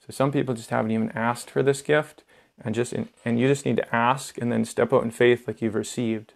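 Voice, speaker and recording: A man's voice: medium pitch, fairly even intonation, fairly quick, vocal fry. A young man preaching informally, casual and earnest, with filler words and restarts. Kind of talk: informal sermon teaching.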